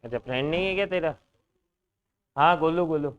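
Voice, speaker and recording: High-voiced man teasing his class. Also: brisk, smooth, highs cut off. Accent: Rajasthani Hindi. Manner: joking, teasing students, lively classroom banter. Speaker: reasoning teacher. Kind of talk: classroom lecture with students. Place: classroom with students.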